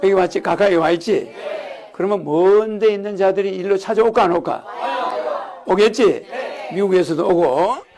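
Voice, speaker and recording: A man's voice: high voice, normal speed, darkish tone, a faint crowd. A man giving a rambling sermon-style religious lecture, often checking in with the audience with "you know what I mean?". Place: lecture hall.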